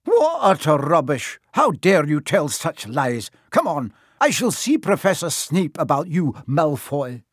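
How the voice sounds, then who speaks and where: A man's voice: fairly high pitch, very animated, unhurried, hardly any pauses, breathy edge, no echo, studio quality, pitched above the performer's own voice, exaggerated voice. A man voicing a stern, indignant older female professor who scolds in a storybook reading. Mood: scornful, stern.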